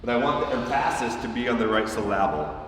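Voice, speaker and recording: A man's voice: medium pitch, quick pace, fairly bright tone, slight background noise. A man preaching a sermon as pastor, emphatic and repeating key phrases for weight, in a church sanctuary. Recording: echoey hall from far off.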